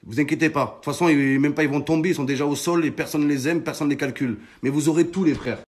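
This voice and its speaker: A man with a notably high voice rants to his followers. He talks emphatically, swears a lot and addresses his audience as friends and brothers. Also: fast talker, darkish tone. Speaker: social media personality. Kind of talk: animated storytime rant to followers.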